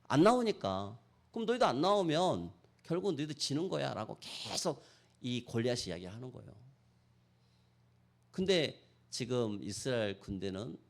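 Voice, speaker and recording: A male pastor delivering a Sunday sermon in a church. His voice has a gravelly texture and a lively, wide-ranging pitch. He alternates between loud exhortation and quiet, acted-out prayers. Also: moderate pace. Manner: preaching with sudden loud and soft swings, acting out prayers. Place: church sanctuary.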